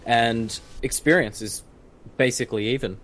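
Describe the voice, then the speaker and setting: A man gives live esports commentary with casual banter, jokey, slangy and playful. His medium-pitched voice is fairly bright and moves at a moderate pace, with a clearly noisy background.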